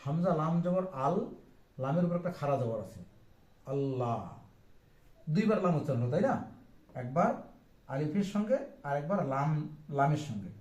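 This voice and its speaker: A man's voice: fairly high pitch, very animated, fairly quick, a little mellow, echoey room, muffled recording. A man teaching Arabic letters step by step, patient, repeating each point and dropping in English phrases. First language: Bengali. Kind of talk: explaining Arabic letters on a board.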